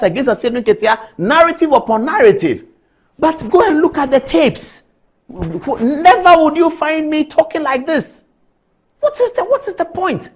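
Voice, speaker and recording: A man with a Ghanaian accent, hosting a TV show and lecturing with rhetorical questions. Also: very high-pitched. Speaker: TV show host. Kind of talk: televised opinion commentary.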